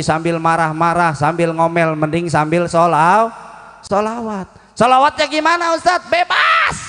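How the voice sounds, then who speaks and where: A man's voice: a little high, clean tone, in a large hall. A man giving a comic sermon, playful, singing short chants and mimicking housewives. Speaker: preacher.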